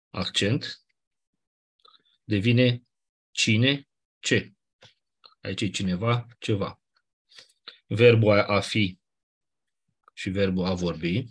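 His voice is fairly low, husky, and a touch bright, and he pauses often. This Greek teacher gives a casual, explanatory classroom lecture on Ancient Greek grammar, dropping colloquial asides and checking with listeners by asking "nu?"

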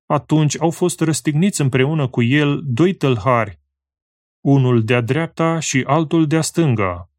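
A man reading scripture aloud in a solemn, slow and measured way, pausing phrase by phrase. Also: fairly high pitch, no room sound, studio quality. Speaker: scripture reader.

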